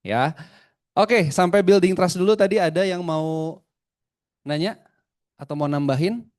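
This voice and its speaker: A man giving a live sales training seminar, often asking the audience questions, mixing English terms into his talk and swinging his pitch and loudness widely. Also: a little slow.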